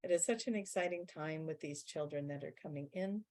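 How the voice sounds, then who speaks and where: A low-pitched woman speaks as a channeller in a spiritual Q&A. She explains things in a measured way and often slows down to stress key words. Her voice stays deep and steady throughout. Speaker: channeller speaking as a guide being.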